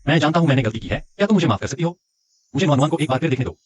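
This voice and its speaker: A man's voice: fairly high pitch, animated, racing, lo-fi sound, slight background noise, lightly acted. A man voicing a remorseful father who pleads with his estranged wife in a dubbed drama. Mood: pleading. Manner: pleading, anguished. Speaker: dubbed actor. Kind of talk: Hindi drama dubbing.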